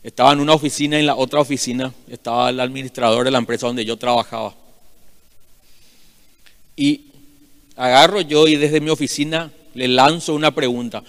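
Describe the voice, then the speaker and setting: A male pastor, preaching loudly and emphatically, rising and falling in volume. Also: mid-range voice, fairly even intonation, a little fast, pauses often. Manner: loud, emphatic preaching with sudden swells and drops. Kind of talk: sermon. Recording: long hall reverb.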